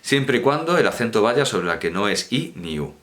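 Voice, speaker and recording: A fairly low-voiced man lectures on grammar in a loose, chatty way. His pitch swings widely as he stresses words, doubles back to correct himself and repeats key terms. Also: big pitch swings, moderate pace, a bit bright. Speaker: university lecturer. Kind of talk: informal university lecture.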